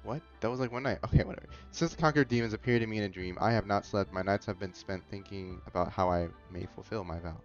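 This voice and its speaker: A man with a fairly low voice talks fast, barely pausing, as he casually commentates a game playthrough and reads the dialogue aloud. The close mic sounds dull, and faint music plays underneath.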